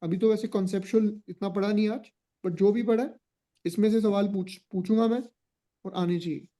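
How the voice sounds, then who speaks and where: Strict Indian teacher on a video call. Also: male voice, high-pitched, steady tone, normal speed, warm tone. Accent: Indian English. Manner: firm, strict and exhorting, with frequent "ठीक है?" check-ins. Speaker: exam coaching teacher. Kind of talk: online class wrap-up mixing Hindi and English.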